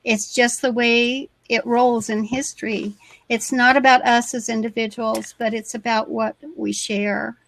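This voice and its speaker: A woman's voice: a little high, little pitch movement, unhurried, creaky, fairly bright tone. A woman with a background in crowdfunding and venture capital, speaking hesitantly with many fillers on a video call. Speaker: crowdfunding consultant. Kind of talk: casual video-call chat.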